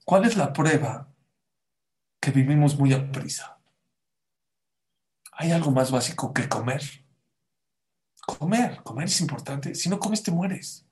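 Rabbi guy teaching torah, kinda high voice, gets loud then goes all hushed, lots of rhetorical questions. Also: slow, long pauses. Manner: animated, swings between loud outbursts and hushed asides, many rhetorical questions. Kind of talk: lively Torah lesson.

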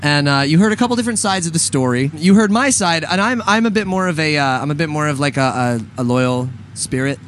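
A man's voice: on the high side, lively intonation, quick pace, hardly any pauses, fairly bright tone, a little hiss or hum. Rambling young male radio host. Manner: rambling, laughing, joking. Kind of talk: casual banter on a talk show.

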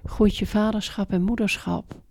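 Middle-aged woman chatting in an interview, kinda creaky low-key warm tone, hammers her points home. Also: normal speed, a little hiss or hum. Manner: emphatic, repeats points, lively storytelling. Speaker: interview guest, parenting expert. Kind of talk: conversational interview.

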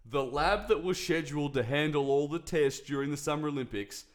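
A man's voice: a little high, a little fast. A man co-hosting a casual sports podcast, sarcastic and playful. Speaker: podcast co-host.

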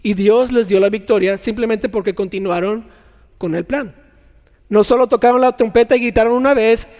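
Animated preacher, high voice, hall echo. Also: male voice. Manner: animated, acts out scenes with sound effects. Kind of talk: sermon.

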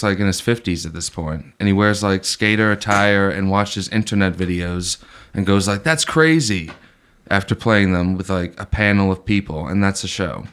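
A man in his thirties co-hosting a podcast, chatting casually with sarcastic jokes and quick asides. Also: low voice, a bit bright. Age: 30s. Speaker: podcast co-host. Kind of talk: casual chat.

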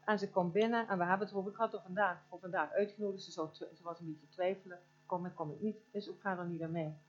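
A woman preaching informally to a small gathering, swinging between loud emphatic exclamations and quiet, soft asides. The recording is dull and lo-fi. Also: lowish voice, quick pace. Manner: animated storytelling, rising emphatic exclamations, many fillers. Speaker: speaker at a church gathering. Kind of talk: informal sermon.

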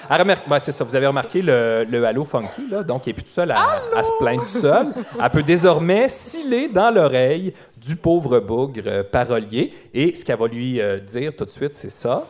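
Un homme à l'accent québécois anime un balado en direct devant public, avec un ton joueur et des jeux de mots. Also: male voice, mid-range voice, sing-song, normal speed, hardly any pauses, a crowd in the background. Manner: playful, joking wordplay, frequent laughs. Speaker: podcast host. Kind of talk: live comedy podcast commentary. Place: live show in a concert hall.

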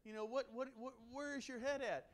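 Guy playing a scoffing young servant, slangy, cracking wise, pitched up. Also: fairly even intonation, brisk. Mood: mocking disbelief. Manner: wisecracking, street slang. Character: incredulous young male servant, slangy and mocking.

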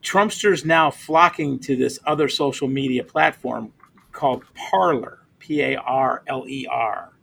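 A man's voice: mid-range voice, a little slow, creaky, few pauses, bright, forceful tone, a little hiss or hum. A man hosting a casual beer podcast, rambling with stammered restarts and laughing often. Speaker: podcast host.

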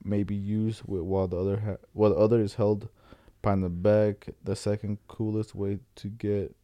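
A man's voice: fairly low pitch, flat delivery, moderate pace, dark tone, no echo. A young man chatting casually and reading out facts in a slangy, swearing frat-boy way. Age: young adult. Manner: bro-ish, slangy frat-boy talk with frequent swearing.

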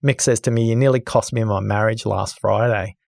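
A low, gravelly male voice, close and dry on the mic, spinning an animated story as a podcast guest. He drops into the voices of the people he describes, his own tone staying rough and grounded. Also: a little fast, no echo. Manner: lively, acts out the people in his stories. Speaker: podcast guest, listening expert.

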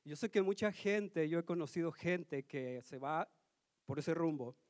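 Guy preaching at church, kinda nervous but earnest, telling a story, dry close mic, a bit high voice. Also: unhurried, no echo. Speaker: guest preacher. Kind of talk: sermon with personal story. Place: church hall.

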